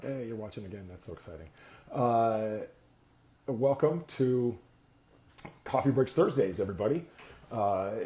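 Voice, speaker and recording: A man's voice: fairly low pitch, dark tone, roomy sound. A man from California hosting a casual live talk show, rambling and filling time with many "uh"s while he waits for guests. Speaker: host. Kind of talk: casual livestream chat. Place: indoor room, seated on a sliding chair.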